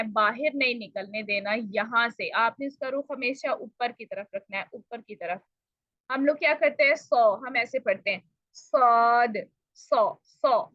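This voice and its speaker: A woman with a slightly high voice teaches pronunciation, explaining patiently and saying each sound again and again so it can be copied. She addresses the learners politely. The recording is dry and a little dull, with no room sound. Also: no room sound. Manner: explains patiently and repeats sounds slowly to demonstrate. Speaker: tajweed teacher.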